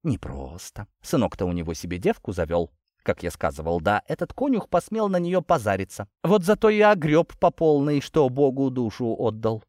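Sly army captain, folksy and unhurried, read by a male narrator, lively pitch. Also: no echo, clean studio sound, close to an everyday voice.

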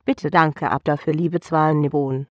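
A man's voice: a little high, fairly even intonation, a little slow, dry recording, muffled recording, natural voice. A man voicing an odd alien hero who pleads in broken, jumbled sentences. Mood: pleading.

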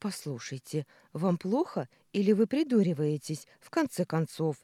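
A female narrator voicing a spirited, quick-tempered young woman who talks sharply and bossily. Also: on the low side, very animated, no echo, clean studio sound, pitched above the performer's own voice. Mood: exasperated. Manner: sharp, exasperated, commanding. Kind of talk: audiobook character voice.

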